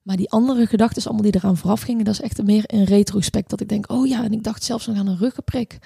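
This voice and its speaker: A woman in her thirties telling a personal story in a halting, reflective way, with many restarts and fillers. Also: mid-range voice, steady tone, gravelly, warm tone, husky, dry recording, studio quality.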